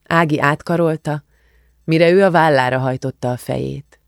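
Male audiobook narrator with a Hungarian accent, measured, gravelly, dry studio sound. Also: fairly high pitch, steady tone, dry recording. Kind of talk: scripted narration.

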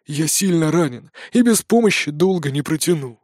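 A wounded old dwarf grumbles and groans in a weak, strained voice, as a man acts him out. He sits a little higher than an everyday man, and the storybook sound stays close and dry. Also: expressive, normal speed, a little mellow, no echo. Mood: weak pleading.

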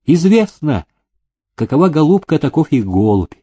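A man's voice: on the high side, normal speed, slightly rough, voice pushed up. A man putting on a merry, bold young girl. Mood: calm. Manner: playful, sing-song and calm.

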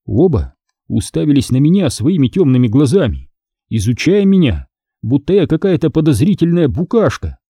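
A man narrating a first-person story in an expressive, dramatic reading. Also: fairly high pitch, moderate pace, husky, no echo, clean studio sound. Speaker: audiobook narrator.

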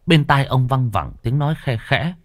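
A man's voice: moderate pace, no echo, clean studio sound. A man narrating a ghost story as storyteller. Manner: expressive, varied pitch.

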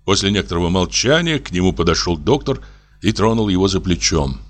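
A man narrating a classic story as an audiobook, with expressive, varied intonation. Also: sits low, brisk.

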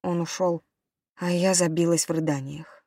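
Woman, audiobook narration, first person, lowish voice, dry close recording. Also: steady tone, normal speed, dark tone, no echo.

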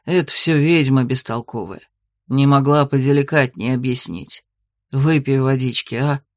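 Devoted old werewolf man, woman reading, soft low slow voice, dry sound. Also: dry recording. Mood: gruff tender. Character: grey-haired male werewolf, gentle and devoted.

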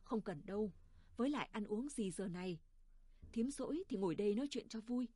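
A woman's voice: mid-range voice, expressive, brisk, dark tone, dry recording, close to an everyday voice. A woman voicing a tired, stubborn old village mother who brushes off worry. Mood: tired, dismissive.

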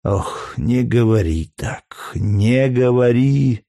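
A man's voice: mid-range voice, animated, slow, vocal fry, no echo, clean studio sound. A man voicing a weeping Roman mother. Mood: pleading. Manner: tearful, pleading, softly emotional. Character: grieving young Roman mother, tender. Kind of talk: audiobook reading.

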